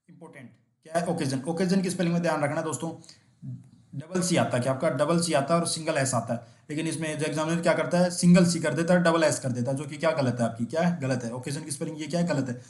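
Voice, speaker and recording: A man teaching an exam-prep spelling lesson. He asks quick questions, answers them himself, and spells words out slowly letter by letter. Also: on the high side, echoey room.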